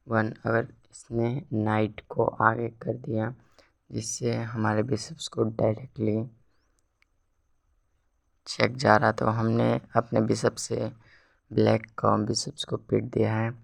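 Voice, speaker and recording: Man, hoarse, gravelly, flat and unhurried delivery, casual chess tutorial. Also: lowish voice. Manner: explains moves step by step, mixing in English words. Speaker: chess teacher.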